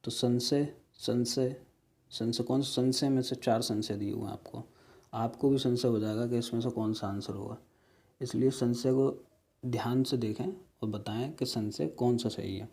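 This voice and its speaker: A man's voice: mid-range voice, fairly even intonation, moderate pace, gravelly, darkish tone. A man teaching an exam-prep spelling lesson, going through questions step by step and asking viewers rhetorical questions. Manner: explains step by step, repeating words and "ठीक है".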